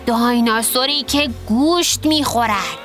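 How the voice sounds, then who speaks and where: A woman's voice: fairly high pitch, a bit bright, close to an everyday voice. A woman voicing a young boy dinosaur who patiently explains things, reading storybook dialogue over music. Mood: explaining. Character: young boy dinosaur, curious know-it-all. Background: background music.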